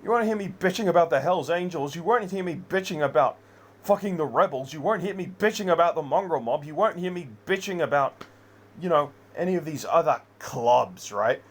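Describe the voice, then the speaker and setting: A man's voice: a little high, expressive, brisk. A man in an unscripted personal rant, rambling, heavily profane and agitated. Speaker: vlogger.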